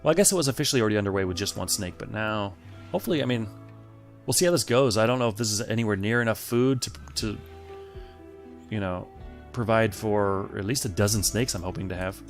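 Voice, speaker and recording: With a fairly low pitch, a man talks fast as he hosts a let's play. Over faint game music, he thinks out loud and casually addresses the game's characters while playing.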